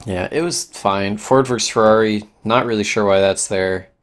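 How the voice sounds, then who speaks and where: A man co-hosting a casual podcast, excitable and swearing, often trailing off mid-sentence. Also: on the low side, moderate pace. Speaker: podcast co-host. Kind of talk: casual chat.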